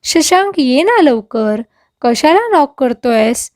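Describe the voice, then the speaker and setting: A sharp, indignant young bride, as a woman storyteller puts her on. The voice sits high and moves slowly, with a dry, close sound. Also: sing-song, dry recording, exaggerated voice. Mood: coaxing. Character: young bride, angry and bewildered.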